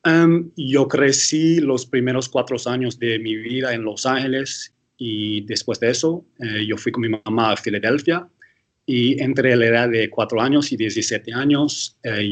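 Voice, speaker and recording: Speaking Spanish in an interview, a man from the United States who works as an attorney and guest lecturer sounds unhurried in his mid-range voice. He is hesitant, frequently restarting and self-correcting.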